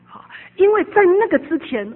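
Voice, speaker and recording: A middle-aged woman, a preacher giving an animated, emphatic sermon testimony that often drops into quiet asides. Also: very high-pitched, normal speed. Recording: narrow phone-like sound.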